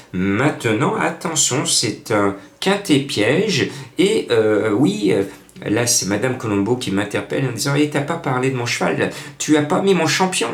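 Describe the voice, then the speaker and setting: A lively French tipster with a fairly low voice runs through his race picks in a chatty monologue. He talks directly to his audience. The sound carries a noticeable room echo. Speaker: horse racing tipster. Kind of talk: betting tips monologue.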